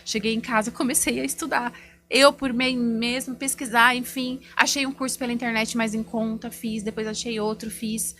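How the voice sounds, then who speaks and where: Woman guest on a podcast, kinda high voice, telling her faith story all emotional, acting out the conversations as she goes. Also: moderate pace. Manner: lively storytelling that acts out remembered dialogue; heartfelt, faith-filled and emotional. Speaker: image consultant, podcast guest. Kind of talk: personal testimony in a podcast interview.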